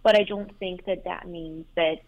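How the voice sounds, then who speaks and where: This caller, a young adult woman whose first language is Farsi, talks at a moderate pace in a fairly low, steady voice. Calling in to an advice show on a tinny phone line, she hesitates often, with many fillers and restarts.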